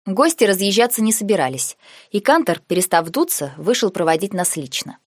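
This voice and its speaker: A woman narrating a first-person fantasy audiobook in a measured, even way on a close mic. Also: mid-range voice, no room sound.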